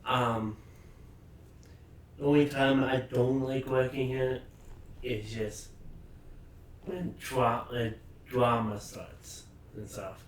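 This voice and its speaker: A young man on a camp work crew, chatting casually and talking haltingly with many fillers. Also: mid-range voice, steady tone. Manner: halting, hesitant, full of fillers. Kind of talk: casual podcast chat. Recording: roomy, distant mic with faint noise.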